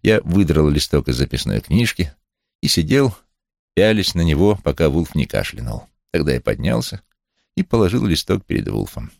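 Male audiobook narrator, very low and gravelly, wry first-person delivery, dry studio sound. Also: sing-song, moderate pace, no room sound. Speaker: audiobook reader.

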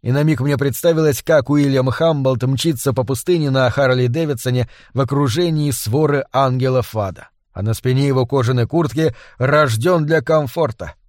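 A man's voice: mid-range voice, normal speed, hardly any pauses, a little mellow, no room sound. Man narrating a novel, dry close sound. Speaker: audiobook narrator. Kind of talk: first-person novel narration.

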